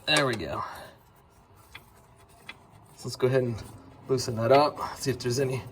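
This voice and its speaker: Relaxed man talking through garage work. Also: medium pitch, normal speed, slight background noise. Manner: relaxed, step-by-step, frequent fillers. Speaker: car DIY video host. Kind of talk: casual how-to narration while working. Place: home garage workshop.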